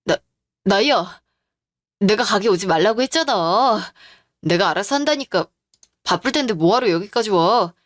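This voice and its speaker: A woman's voice: mid-range voice, lively intonation, normal speed, long pauses, no echo, clean studio sound, lightly acted. A woman playing an evasive husband. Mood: dismissive. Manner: defensive, brushing off blame. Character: scheming husband, evasive and self-justifying. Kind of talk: radio drama acting.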